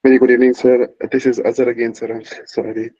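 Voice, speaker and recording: Courteous male participant, Kashmiri accent, soft mellow tone, dry but dull online-call sound. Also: medium pitch, flat delivery, quick pace, dry recording. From Kashmir, India. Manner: courteous, deferential. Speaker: session participant asking questions. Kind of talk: polite question in an online session. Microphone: online call microphone.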